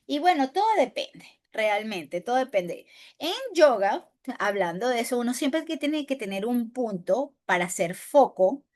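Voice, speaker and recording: A woman teacher with a Venezuelan accent, giving a lively classroom lecture on handling pressure, often asking rhetorical questions and swinging between loud and soft. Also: a little high, measured pace. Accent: Venezuelan Spanish. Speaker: teacher of spokesperson training.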